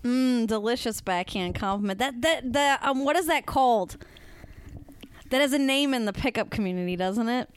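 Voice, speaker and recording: A woman's voice: a little high, moderate pace, slight background noise. A woman co-hosting a casual movie commentary, wry and incredulous, swearing as she talks.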